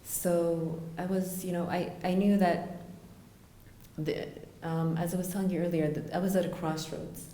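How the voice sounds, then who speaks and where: A woman from Florida answering interview questions earnestly, with frequent fillers and pauses. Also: on the low side, little pitch movement, dark tone, roomy sound. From United States (Florida). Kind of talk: conversational interview.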